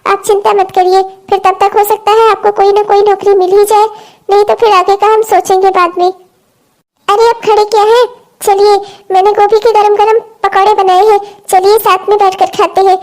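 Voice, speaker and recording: A woman's voice: extremely high pitch, flat delivery, normal speed, a little mellow. A woman voicing a caring, thrifty young wife and mother in a cartoon, who talks in a soothing, reassuring way. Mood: calm. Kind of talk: cartoon dubbing.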